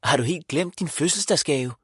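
A man voicing a cheerful, eager mother in an audiobook, brisk and upbeat. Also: on the high side, animated, slightly rough, dry recording, studio quality, pitched above the performer's own voice.

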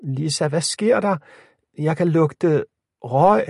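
A frightened little girl with a thin, small voice, as a male narrator puts her on, pitched well above his own and timid. A storybook reading. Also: gravelly, a little mellow, no room sound, studio quality. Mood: scared.

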